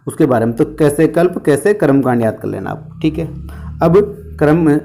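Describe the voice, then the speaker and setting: A man's voice: a little high, lively intonation, moderate pace, creaky, mellow, slight background noise. Male tutor quizzing himself. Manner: explains with questions and answers to himself; uses memory tricks and jokes. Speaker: teacher. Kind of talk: exam-prep history lesson.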